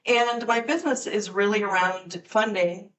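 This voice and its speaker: A woman guest on a podcast panel, introducing herself in a measured way with frequent fillers. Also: medium pitch, steady tone, a bit bright, recorded from a distance, rough recording.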